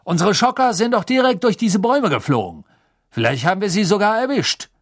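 A man voicing a gruff middle-aged wizard who shouts excitedly. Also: high voice, fairly quick, pitched above the performer's own voice. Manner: loud, raised and excited.

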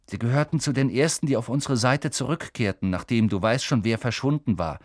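A sulky schoolboy grumbles in a gruff, mid-height voice, as a male narrator puts him on. It sounds dry and close, like a studio audiobook. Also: mid-range voice, fairly quick, dry recording, lightly acted. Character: gloomy freckled schoolboy from a poor family.

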